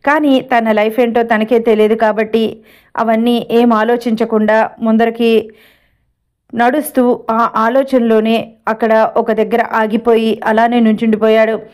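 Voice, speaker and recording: Brief: woman storyteller, steady read-aloud narration, somewhat high voice. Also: a little slow, smooth.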